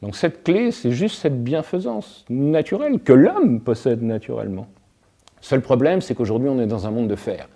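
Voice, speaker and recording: A man talking as an interview guest about wonder and kindness, his voice warm and soft-edged rather than bright. He sits at an ordinary middle pitch and muses reflectively. He builds his points out of small everyday anecdotes and keeps tagging his phrases as he goes. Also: lively intonation, moderate pace. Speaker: guest, alchemist and author. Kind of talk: reflective philosophical talk.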